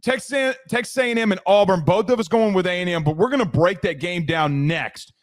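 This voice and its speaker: A man's voice: high-pitched, brisk. A man co-hosting a casual sports podcast, talking picks with frequent stammered restarts and turning to his partner by name. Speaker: podcast co-host.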